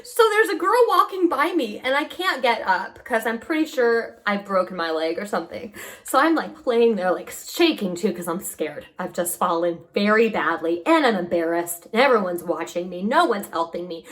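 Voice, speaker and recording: A woman's voice: medium pitch, moderate pace. A woman vlogger casually telling stories to her viewers, acting out what people said along the way. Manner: lively storyteller who acts out what people said. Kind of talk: casual storytelling vlog.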